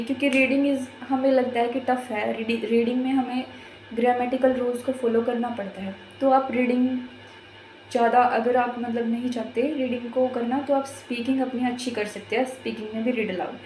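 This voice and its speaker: A woman with a fairly high voice talks through an exam prep lesson in a casual, explaining way. She goes over each point patiently and often repeats it. The room is echoey, with faint music underneath. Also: a little mellow. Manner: repetitive, patient step-by-step explaining.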